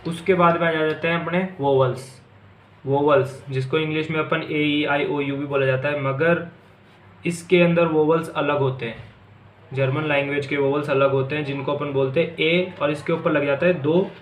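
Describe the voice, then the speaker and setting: A man teaching a language lesson in a patient, repetitive way, drawing out the words he wants his students to remember. His voice sits a little high for a man. The sound is roomy and echoey, with a faint ambient hum underneath. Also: steady tone, moderate pace.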